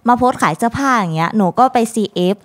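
A woman's voice: a little high, animated, fast talker. A young woman university student telling her story into a handheld mic on a studio stage. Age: young adult. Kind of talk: answering on a talk show.

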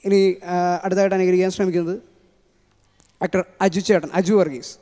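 A man with a Malayali accent introducing his impressions, talking fast with many fillers. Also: high voice, fairly even intonation, warm tone. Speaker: mimicry artist. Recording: long hall reverb.

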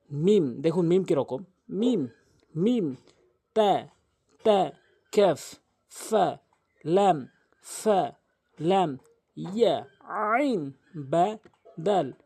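A man's voice: a little high, a little mellow. A man teaching Quran reading step by step. He patiently drills each letter sound, repeating it several times. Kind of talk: step-by-step pronunciation lesson.

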